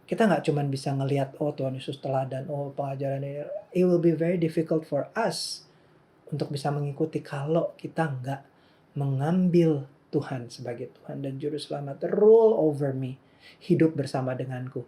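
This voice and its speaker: Mellow-voiced man preaching casually. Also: a little high, normal speed. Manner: casual, mixes Indonesian with English phrases. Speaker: pastor. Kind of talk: sermon.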